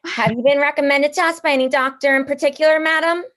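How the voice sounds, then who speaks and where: High-voiced, officious hospital receptionist played by a woman. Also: steady tone, fast talker, a bit bright. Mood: polite, officious. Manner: polite, officious. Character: formal, unruffled hospital switchboard receptionist, woman. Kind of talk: 1940s radio drama acting.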